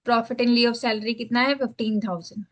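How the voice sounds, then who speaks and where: On a muffled recording, a female teacher takes students through a tax filing form in a screen-share lesson. Her voice is a little high and steady, her speed normal, and she goes step by step, mixing English into Hindi and asking "ठीक है" again and again to check in.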